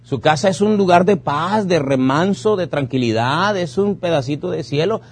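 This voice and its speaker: A man's voice: on the high side, expressive, normal speed, breathy edge. A man preaching a sermon in a church, driving his points home with rhetorical questions and repeated commands. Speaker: pastor.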